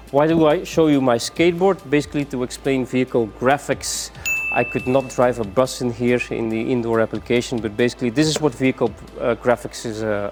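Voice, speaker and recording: A man's voice: medium pitch, a little mellow. Breathless man demoing printing products. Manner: hurried, breathless, with many fillers. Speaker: product presenter. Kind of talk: fast-moving product demonstration.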